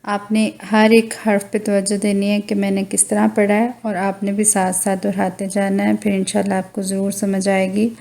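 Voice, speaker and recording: A woman teaching Quran recitation, drawing out each letter name slowly and patiently explaining with a Pakistani Urdu accent. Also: mid-range voice, monotone, vocal fry, a little mellow. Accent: Urdu-speaking, Pakistani. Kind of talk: slow recitation lesson, drawn-out letter names.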